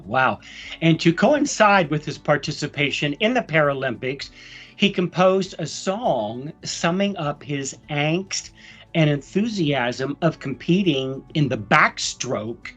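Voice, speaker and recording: Slow-talking, higher-voiced male host. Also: lively intonation, a bit bright, faint music behind. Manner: playful, joking. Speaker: podcast co-host. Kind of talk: casual interview questioning.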